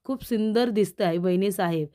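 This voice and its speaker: A woman reading out a gentle respectful young woman. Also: mid-range voice, normal speed, natural voice.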